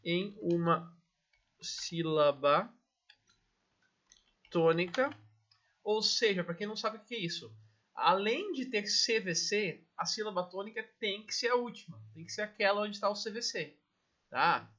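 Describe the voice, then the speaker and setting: A man's voice: high voice, moderate pace, bright, forceful tone, dull audio. A Brazilian man teaching English grammar step by step, checking in with his class after nearly every phrase. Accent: Brazilian Portuguese. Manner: explains step by step, checks in with "tá?" and "né?" constantly. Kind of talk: recorded grammar lesson.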